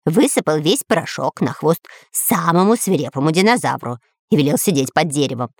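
A woman's voice: low-pitched, expressive, brisk, no echo, studio quality. A woman doing a fussy, anxious parrot servant. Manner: fussy, justifying himself.

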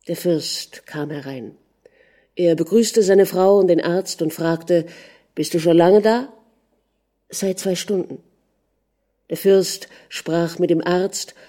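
A woman narrating a literary audiobook in a measured, dramatic manner. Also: deep voice, mellow.

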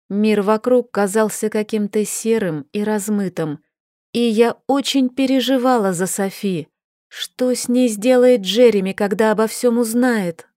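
A woman reads first-person fiction in a calm, measured voice. Her pitch sits in the middle of the range. The recording is close and dry, with no room sound. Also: no room sound. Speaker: audiobook narrator. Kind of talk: first-person scripted narration.

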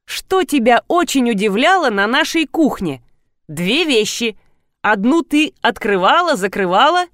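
Woman voicing a cheerful man, storybook, upbeat, lively pitch, dry close sound. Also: measured pace, no echo. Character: cheerful grown man, warm-hearted. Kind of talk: audiobook reading.

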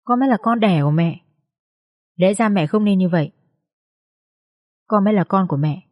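A woman's voice: medium pitch, normal speed, no echo, highs cut off, natural voice. A woman voicing a hurt young adult daughter who pleads with her mother while sobbing. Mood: pleading.

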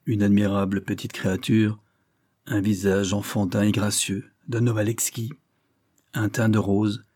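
A man's voice: lowish voice, mellow, husky, dry recording, clean studio sound. Man narrating a literary audiobook.

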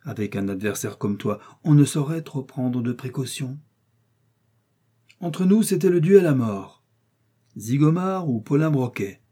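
A man's voice: mid-range voice, dark tone, breathy edge. A man playing a gloating master criminal. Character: menacing male master criminal, commanding, gloating.

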